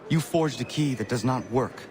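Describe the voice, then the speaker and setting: An actor playing a stern, impatient prisoner hero who speaks bluntly, formally and with skepticism. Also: male voice, medium pitch, moderate pace, a crowd in the background, close to an everyday voice. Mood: skeptical.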